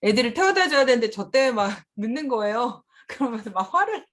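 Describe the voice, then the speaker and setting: A woman's voice: on the high side, sing-song, fast talker, fairly bright tone. A middle-aged woman speaking candidly at a seminar as a mother and school principal, often laughing while she talks. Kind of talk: conversational seminar talk.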